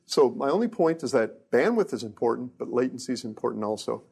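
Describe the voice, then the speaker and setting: A man's voice: medium pitch, big pitch swings, a little fast, gravelly, dark tone, husky. A middle-aged man, a research engineer, giving a casual technical lecture with joking asides and frequent restarts.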